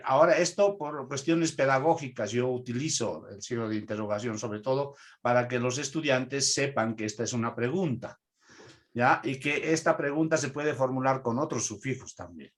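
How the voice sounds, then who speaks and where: Peruvian guy teaching a translation class online, explains slow and keeps checking in, middle pitch. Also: fairly bright tone. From Peru.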